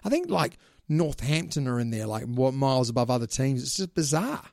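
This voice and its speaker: A man's voice: medium pitch, sing-song, a little fast, creaky, a little mellow, dry recording, studio quality. Bantering New Zealand man hosting a podcast. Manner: bantering, teasing, slangy. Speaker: sports podcast host. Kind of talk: casual chat.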